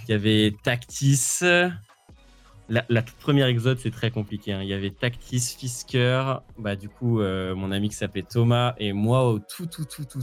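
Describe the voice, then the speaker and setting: Man in his twenties, Parisian French accent, lowish smooth voice, hesitant casual interview chat, faint music behind. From Paris region, France. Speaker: esports player, podcast guest.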